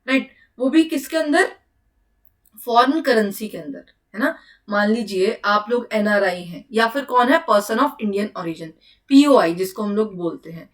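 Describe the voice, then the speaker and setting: A young woman teaching an exam-prep lesson, who keeps asking the class questions and answering them herself, with English terms mixed in. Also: on the high side. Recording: voice a little far from the mic.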